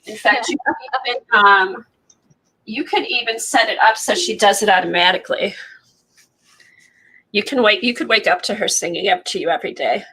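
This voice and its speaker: A woman's voice: medium pitch, animated, brisk, bright, forceful tone, slight background noise, low-quality recording. A woman chatting casually as she hosts an art show and shows her craft work, rambling with many fillers, in her morning voice. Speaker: host of an art livestream. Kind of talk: casual chat while showing crafts.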